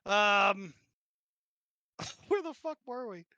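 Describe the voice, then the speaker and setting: A bright, lively voice that moves all over the pitch range and talks slowly, joking and laughing often. This is a streamer hosting a tabletop game in casual out-of-game chat, recorded close and dry. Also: dry recording, muffled recording.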